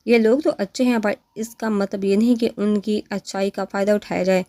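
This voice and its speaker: A woman's voice: mid-range voice, fairly even intonation, mellow, dry recording, lightly acted. A woman reading the stern, reproachful lines of a sulking young husband in an audio novel.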